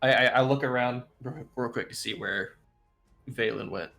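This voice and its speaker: A man's voice: mid-range voice, fairly even intonation, normal speed, creaky, pushed and bright, soft background music. A man playing a tabletop game, casually describing and voicing his character's actions. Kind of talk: casual improvised role-play chat.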